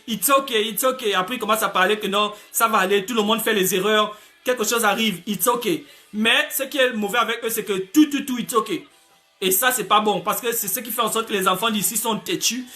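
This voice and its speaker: A man's voice: high voice, bright, forceful tone. A man preaching a sermon as pastor, from Gabon, dropping frequent hallelujahs as he talks. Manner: preaching, peppered with frequent "alléluia" interjections. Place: church in the United States.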